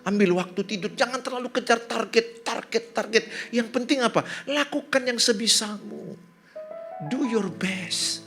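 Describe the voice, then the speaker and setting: A man's voice: very high-pitched, moderate pace, hardly any pauses, a bit bright, soft background music. A man from Indonesia, a pastor, preaching a sermon and joking with the congregation.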